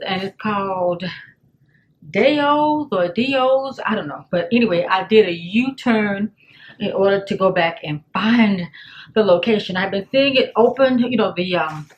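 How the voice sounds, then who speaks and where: A woman chatting casually to camera in a food vlog, animated and talking straight to her viewers, a little out of breath. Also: on the high side, lo-fi sound, slight background noise. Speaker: food vlogger. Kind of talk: casual mukbang chat to camera. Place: home.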